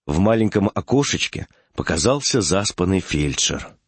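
A man narrating a classic short story in a measured, expressive reading. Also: low-pitched, husky, no room sound.

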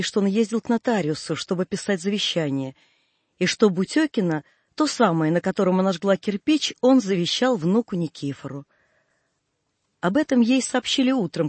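Audiobook narrator, male, very high pitch for a man, steady measured reading, dry studio sound. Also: no room sound. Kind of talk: scripted literary narration.

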